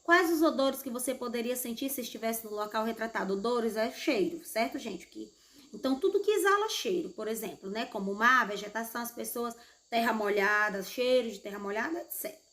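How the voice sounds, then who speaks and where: Patient Brazilian woman teacher, fairly high voice. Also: animated, fairly quick, a bit bright. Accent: Brazilian Portuguese. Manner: patient, explanatory, often checks in with "né?" and "certo?". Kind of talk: recorded class lesson correcting exercises.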